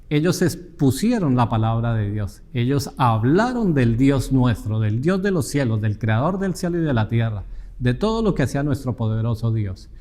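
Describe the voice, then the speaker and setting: A man's voice: medium pitch, a little mellow, long reverb tail. A man preaching a sermon in an earnest teaching tone, asking the congregation rhetorical questions.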